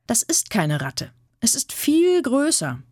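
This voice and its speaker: A woman voicing an excitable young girl who calls out urgently and pleads, in an audiobook reading. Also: takes it slowly, no echo, clean studio sound, full character voice. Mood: pleading. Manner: high breathless calling, urgent. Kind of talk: audiobook character voice.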